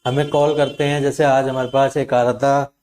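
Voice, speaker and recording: Man, channel host, mellow voice, animated casual talk, mid-pitched. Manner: animated, acts out callers' lines in quick quotes. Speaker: channel host advising viewers on loan recovery calls.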